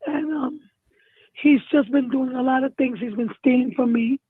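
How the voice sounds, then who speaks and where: A middle-aged woman with a hoarse, failing voice, a caller giving an emotional personal account in distress. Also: high voice, steady tone, fairly quick, no room sound. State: losing her voice, distressed. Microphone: phone call. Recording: tinny, narrow phone-line sound.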